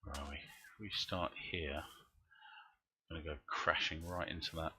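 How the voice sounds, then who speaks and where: A man's voice: rumbling low, steady tone, normal speed, bright, forceful tone, a little hiss or hum. A man giving live commentary while he plays a game, rambling and thinking aloud as he builds. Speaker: game streamer.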